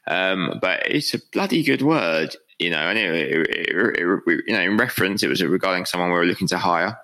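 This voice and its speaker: This podcast host is a young adult British man whose voice sits low, with a bright, forceful tone on poor audio. Slightly hungover, he rambles through a casual motivational monologue, putting himself down and cursing without restraint.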